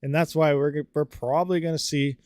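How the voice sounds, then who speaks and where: This livestream host is a man with a somewhat high, steady, slightly mellow voice that is clear and resonant, speaking a bit fast. His throat sounds a little dry as he rambles casually, using lots of fillers while responding to viewer comments. The studio-quality recording has no room sound.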